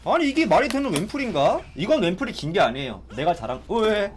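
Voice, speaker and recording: Animated man reacting to gameplay. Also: sits high, fast talker, noisy background. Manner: excitable, exclaiming and complaining while playing. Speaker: gaming streamer. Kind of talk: live gameplay commentary.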